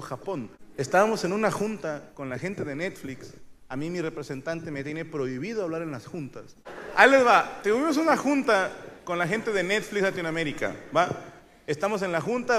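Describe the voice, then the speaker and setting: A man with a Mexican accent doing a stand-up comedy routine, telling crude, profane stories at a rapid clip. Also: sits high, a bit bright, big-room sound.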